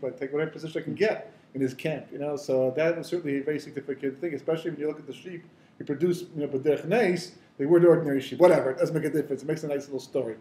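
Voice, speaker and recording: A man's voice: on the high side, mellow, echoey room. A man, a rabbi, teaching the weekly Torah portion in a conversational, storytelling way, full of asides and fillers. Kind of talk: informal Torah lecture.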